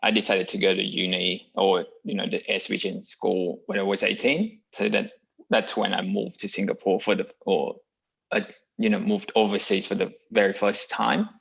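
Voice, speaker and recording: Young man, Vietnamese accent, low gravelly voice, hesitant, earnest, lo-fi call sound. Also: level tone, normal speed, a bit bright. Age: young adult. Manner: hesitant, many fillers, earnest. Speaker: MBA applicant.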